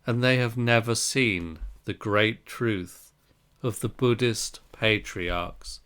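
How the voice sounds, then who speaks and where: Slow, smooth-voiced man reading scripture. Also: lowish voice, a bit bright. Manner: measured, deliberate phrasing in short units. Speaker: reader of a Zen Buddhist text.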